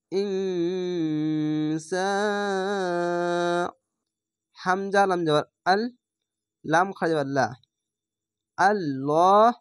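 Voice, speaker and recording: A man's voice: on the high side, no echo, studio quality. A man teaching Quran reading, spelling out each letter and vowel, then drawing out the recited words.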